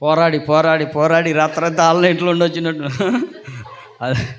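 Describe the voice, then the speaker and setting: A man's voice: fairly high pitch, level tone, normal speed. A man preaching a sermon to a church congregation, calling on them for responses and teasing them playfully. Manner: teasing, jokes with listeners. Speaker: pastor.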